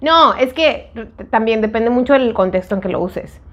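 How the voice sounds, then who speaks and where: A woman's voice: a little high, lively intonation, moderate pace, muffled recording. A woman on a radio show, talking frankly in casual chat and laughing easily. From Mexico. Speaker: radio host.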